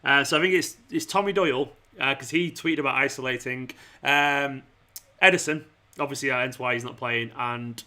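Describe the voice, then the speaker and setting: A man hosting a fan channel's football watchalong livestream chats casually with viewers in an informal, matey way, often saying "man," "mate" and "pal." His voice is starting to go. He speaks at a medium pitch and a moderate pace, sounding pushed and bright.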